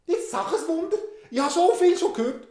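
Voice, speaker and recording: A storyteller voicing an excitable, mocking king who shouts and laughs, in a roomy recording. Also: very high voice, fairly quick, voice pushed up. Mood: eager, demanding. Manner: taunting, loud, laughing. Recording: roomy echo.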